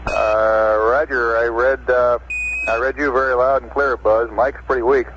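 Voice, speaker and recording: A man's voice: medium pitch, level tone. Man on a crackly, dull radio line. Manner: clipped, halting, many "uh" pauses. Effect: weak, crackly radio transmission. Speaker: mission control radio operator. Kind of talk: radio procedure talk.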